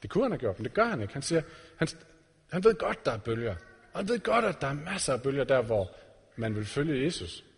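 A very animated preacher with a mid-range, breathy voice addresses his congregation earnestly, firing direct questions at them. The sermon is recorded in a church hall full of reverb.

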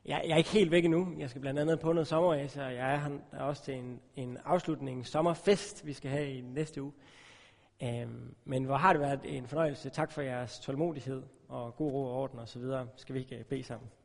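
A man giving a relaxed, joking sermon with many filler sounds as he tells a personal story. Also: mid-range voice, gravelly. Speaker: preacher. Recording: long reverb of a large hall.

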